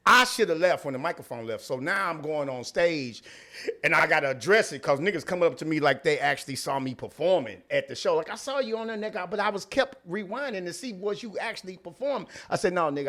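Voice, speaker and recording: Man, St. Louis accent, mid-pitched voice, candid casual podcast talk, slangy, profane, repetitive for emphasis. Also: bright, forceful tone. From St. Louis, United States. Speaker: comedian guest.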